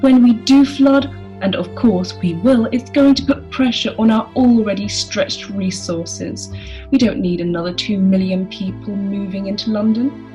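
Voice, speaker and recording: A woman's voice: mid-range voice, measured pace, warm tone, dull audio, soft background music, pitched above the performer's own voice, natural voice. A woman voicing a bitter, posh middle-aged aunt who lectures in a prim, put-on posh voice. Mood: lecturing.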